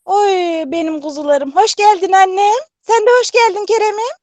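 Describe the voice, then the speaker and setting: Radio drama: woman as motherly folksy aunt, doting and sighing, high voice. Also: animated, normal speed, darkish tone. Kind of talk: Turkish radio theatre acting.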